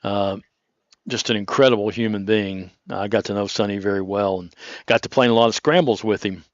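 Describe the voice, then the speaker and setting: A man giving relaxed, conversational golf commentary in a chatty, rambling, anecdotal way. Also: on the low side, brisk, no echo, highs cut off.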